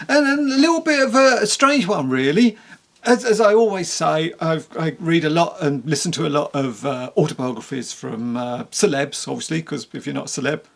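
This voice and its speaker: Speaking to camera with a creaky, medium-pitched voice, someone gives a casual book review. They're animated and move at a moderate pace, candid and rambling in a conversational way.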